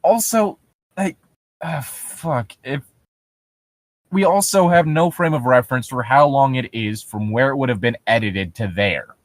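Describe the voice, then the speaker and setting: As a co-host, a man reads internet horror stories aloud and riffs on them with casual comedy, sounding sarcastic and incredulous and cursing freely. His voice is mid-range and measured in pace, with a dry recording.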